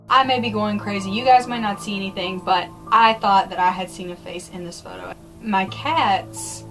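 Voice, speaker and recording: In a rough recording with music in the background, a woman with a mid-range voice chats casually to viewers as a vlogger. She tells spooky personal stories about eerie happenings in a conversational way.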